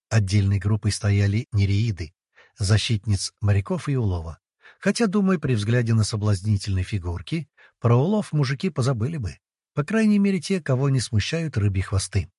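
Husky guy reading a fantasy audiobook, wry and playful, super lively pitch, dry close mic. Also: no room sound. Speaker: audiobook narrator. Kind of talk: first-person fantasy audiobook narration.

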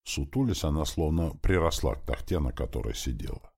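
Male audiobook narrator, dramatic; extremely low, husky voice. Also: a little fast. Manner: dramatic, expressive reading.

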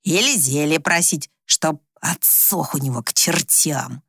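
A woman voicing a coarse, scheming older village woman with a hoarse voice, who scolds bluntly. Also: sits low, measured pace, fairly bright tone, dry recording, clean studio sound, pitched below the performer's own voice, full character voice. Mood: conspiring.

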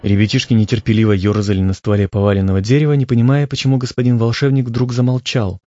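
A man reading an audiobook aloud in a measured, expressive way. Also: medium pitch, dry recording. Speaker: audiobook reader. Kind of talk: audiobook narration. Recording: dull lo-fi audio with music.

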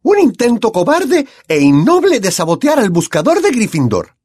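A man voicing a stern, angry older female teacher in an audiobook, scolding in shrill outbursts. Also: huge pitch swings, normal speed, darkish tone, slightly rough, no echo, clean studio sound, heavily acted. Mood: furious.

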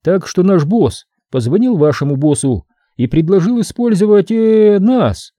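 A man's voice: high-pitched, expressive, dark tone, dry recording, clean studio sound, pitched above the performer's own voice. A male audiobook reader voicing a chatty, cheerfully pushy female evidence-collection worker. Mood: chipper. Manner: brisk, talkative, cheerfully pushy. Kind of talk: audiobook character voice.

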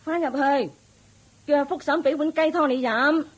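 In this Cantonese radio drama performance, a woman voices an overbearing wealthy matriarch and mother-in-law, mocking and berating with contempt. Her voice is high-pitched and close to everyday speech, at a moderate pace.

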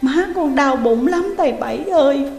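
A woman's voice: high voice, expressive, a little fast, a little mellow, pitched above the performer's own voice. A woman voicing a small frightened girl, begging breathlessly and sobbing. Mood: pleading, tearful. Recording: roomy reverberant room, faint music.

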